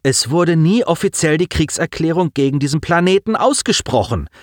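A man's voice: fairly high pitch, expressive, moderate pace, no room sound, studio quality, voice pushed up, close to an everyday voice. A man reading an audiobook, voicing a principled, indignant senior male starship commander who speaks firmly and reproachfully. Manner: firm, objecting and reproachful.

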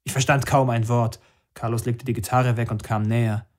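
A man's voice: mid-range voice, little pitch movement, moderate pace. A man reading a first-person story aloud in a dry, understated manner. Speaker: audiobook narrator.

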